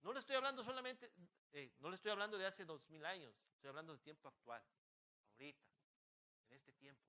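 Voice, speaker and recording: This pastor's sermon is animated and fast, delivered in church with a high, bright, forceful voice. He fires fervent rhetorical questions at the congregation and keeps faltering and restarting.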